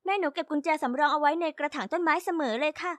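A woman's voice: high voice, fast, fairly bright tone, dry recording, clean studio sound. A woman voicing a young stepsister girl who talks in a childlike, pleading way. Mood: tearful. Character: sweet tearful little stepsister girl.

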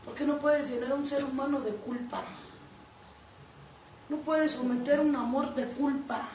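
A woman with a Mexican accent giving a blunt, profane testimony as a recovery group sponsor, often breaking into shouts. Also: high-pitched, fairly even intonation, measured pace. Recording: echoey room, distant mic, faint noise.

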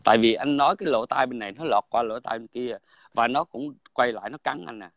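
A man's voice: medium pitch, fast, gravelly, a bit bright, dry recording, muffled recording. A man, talking bluntly and crudely in a heated casual chat, again and again asking "right?". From Vietnam. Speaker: guest in online livestream chat.

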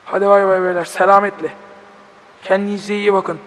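A young man with a Turkish accent commenting on a horror game as he plays, joking, swearing and breaking into panicked shouts. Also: high voice, little pitch movement, normal speed, big-room sound, low-quality recording. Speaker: gaming video host.

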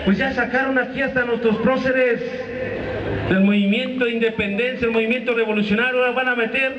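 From an outdoor stage at a street rally, a middle-aged union leader with a Mexican Spanish accent gives a combative, crude speech, calling the listeners comrades. He speaks fairly quickly in an extremely high voice with fairly even intonation, amid background noise. The amateur video, filmed from the crowd, renders his handheld mic and PA distant, echoey and muffled.

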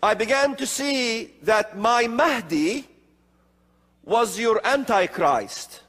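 Middle-aged male conference speaker from the Middle East, emphatic and slow, high register, long reverb of a large hall. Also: lively intonation, fairly bright tone. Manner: slow emphatic delivery with gestures. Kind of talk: prophecy conference lecture. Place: large hall with seated audience.

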